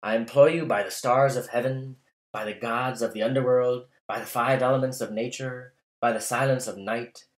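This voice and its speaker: A man's voice: medium pitch, lightly acted. A man reading as an old man pleading for vengeance. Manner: impassioned pleading oratory. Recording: roomy echo.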